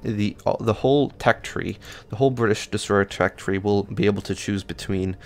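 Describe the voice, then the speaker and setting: In a casual gameplay stats rundown, a male gaming host rambles through ship numbers with frequent fillers and restarts. His voice is fairly low, and his pace is normal.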